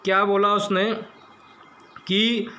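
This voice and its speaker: Slow, bright-voiced man teaching a text. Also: sits high, level tone. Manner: reads a line, then translates it word by word; explains grammar with questions to the class. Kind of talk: line-by-line translation lesson.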